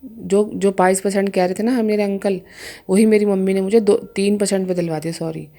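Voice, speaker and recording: A woman's voice: medium pitch, fairly even intonation, brisk, dark tone. A young woman giving an emotional personal testimony to a congregation, addressing listeners often as she tells her story. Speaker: devotee sharing a testimony.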